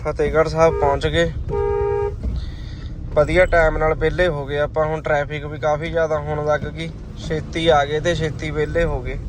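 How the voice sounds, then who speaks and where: A man's voice: fairly high pitch, little pitch movement, normal speed, slight background noise. A man from Punjab, India, chatting casually to his vlog viewers from inside a car and coaxing a small child to talk. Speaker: vlogger.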